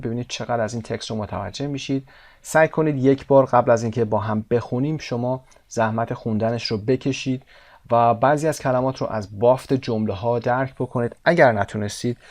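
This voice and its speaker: A man teaching English to Persian speakers, saying each word slowly and with emphasis, then explaining it quickly. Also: mid-range voice, darkish tone. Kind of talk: language lesson explaining vocabulary and pronunciation.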